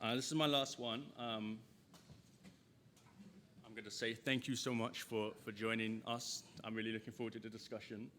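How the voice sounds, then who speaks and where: A young man performs his poems on a festival stage, giving the lines a strong rhythmic push. His voice is bright and forward, and between pieces he slips into loose, chatty asides. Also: lowish voice, little pitch movement, normal speed, slight background noise. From England. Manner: rhythmic, emphatic delivery of verse, chatty asides. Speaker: poet. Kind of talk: live poetry reading. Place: festival stage before an audience.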